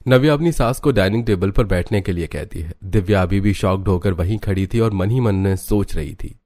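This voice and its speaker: A man's voice: deep voice, a little fast, a little mellow. A man narrating a cartoon story in a plain, matter-of-fact way.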